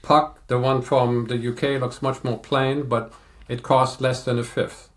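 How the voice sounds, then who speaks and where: An older man in a casual podcast chat, explaining audio equipment in a measured, technical way. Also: medium pitch, flat delivery. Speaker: audio reviewer guest.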